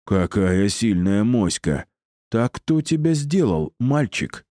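Guy doing a smug cruel necromancer, deep dark voice, sneering the whole time. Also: very animated, slow, no echo, clean studio sound. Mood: condescending. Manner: mocking, condescending, insulting.

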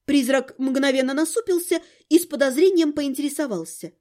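A woman reading a first-person audiobook with expressive, lively storytelling. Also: high voice, brisk. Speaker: audiobook narrator.

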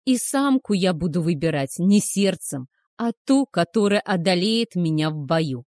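A woman's voice: on the low side, lively intonation, slow pace, dry recording, studio quality. A woman growling as a cruel werewolf man. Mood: menacing. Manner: loud growling menace. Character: cruel arrogant werewolf man, predatory hunter.

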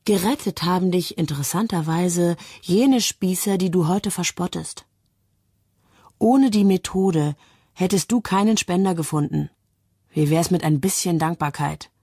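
A sober, sharp-tongued young woman who answers with cool scepticism, read by a woman. Her voice is husky with a gravelly edge and a low pitch. The sound is close and dry. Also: unhurried, no echo. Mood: skeptical.

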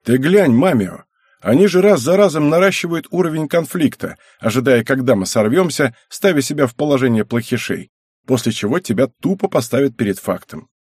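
A man's voice: medium pitch, expressive, brisk, darkish tone, slightly rough, dry recording, clean studio sound, voice pushed up. A man voicing a sly, talkative teenage boy who schemes. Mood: scheming.

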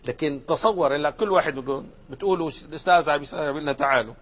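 A man's voice: on the high side, racing. A man teaching a grammar lesson, putting questions to his class and answering them himself, shifting between formal and colloquial speech. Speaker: sheikh teaching Arabic grammar. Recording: dull lo-fi lecture recording.

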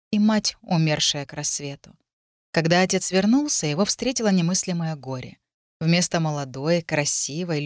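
Woman author, reading own novel, steady measured narration, slightly low pitch, dry close mic. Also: no echo. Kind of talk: audiobook narration.

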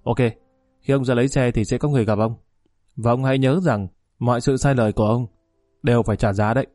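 A man's voice: medium pitch, fairly even intonation, fast talker, mellow, no echo, clean studio sound, soft background music, lightly acted. A man voicing a shrewd, bullying middle-aged male security chief who talks bluntly and gives orders. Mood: scheming.

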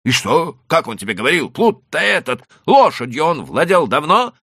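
A man voicing a desperate, hot-tempered male landowner who pleads and exclaims loudly in an audiobook. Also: on the high side, very animated, normal speed, slightly rough, no room sound, studio quality, pitched above the performer's own voice, heavily acted. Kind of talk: audiobook character voice.

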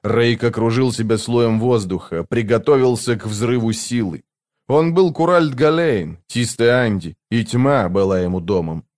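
Male audiobook narrator, measured. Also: mid-range voice. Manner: even, measured storytelling.

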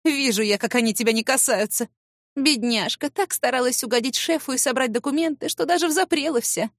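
A woman's voice: high-pitched, brisk, dry recording, clean studio sound. A woman voicing a spiteful, catty young female office rival who sneers and hurls accusations. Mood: mocking.

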